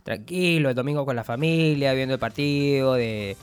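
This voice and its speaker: A man's voice: medium pitch, moderate pace, lightly acted. A man playing a grumpy, foul-mouthed older doctor who rambles, stammers and throws out insults. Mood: gruff. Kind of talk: comedic character interview.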